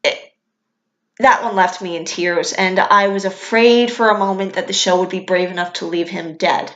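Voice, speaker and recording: A woman's voice: fairly low pitch, steady tone, normal speed, a bit bright, muffled recording. A young woman, a vlogger, talking candidly and enthusiastically as a fan in casual commentary, with some casual swearing. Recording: echoey room.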